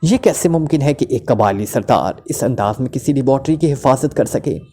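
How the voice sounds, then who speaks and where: A woman's voice: very deep voice, expressive, fairly quick, mellow, breathy edge, full character voice. A man reading a story voices a cold, ruthless female secret agent who interrogates with curt, snarling commands. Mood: commanding.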